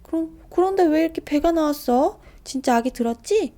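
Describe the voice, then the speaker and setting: A woman voicing an excitable kindergarten boy who blurts questions loudly. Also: high-pitched, moderate pace, pitched above the performer's own voice. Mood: curious. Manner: loud, blurting, chattering.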